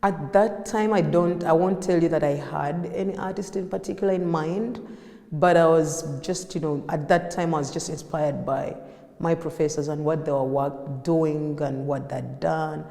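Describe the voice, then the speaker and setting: A woman's voice: low voice, fairly even intonation, normal speed, vocal fry, mellow. Ugandan woman in an echoey room. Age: 30s. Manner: reflective, with frequent fillers and restarts. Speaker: artist. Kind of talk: personal interview storytelling. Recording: echoey room with long reverb.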